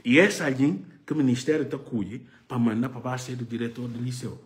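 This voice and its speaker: Sitting on his living room sofa, a middle-aged political commentary host talks live to a phone camera at arm's length. His mid-range voice moves a little fast, and his delivery is impassioned, full of gestures and repeated phrases for emphasis.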